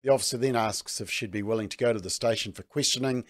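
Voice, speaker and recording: A man's voice: medium pitch, quick pace. A man hosting a news commentary segment, speaking with a sarcastic edge. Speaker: host.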